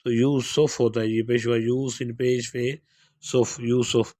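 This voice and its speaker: A man's voice: mid-range voice, no echo. A man, teaching an exam-prep lesson, reading each question and then explaining the answer. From Pakistan. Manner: steady explanatory delivery, reads question then gives answer. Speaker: Urdu lecturer. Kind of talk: exam prep lecture going through model paper answers.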